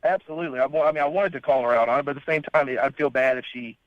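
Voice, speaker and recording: Talking very fast in a higher voice, a man calls a radio show and casually relates events, earnest but a bit hesitant. There's no room sound, just a dull, lo-fi phone line.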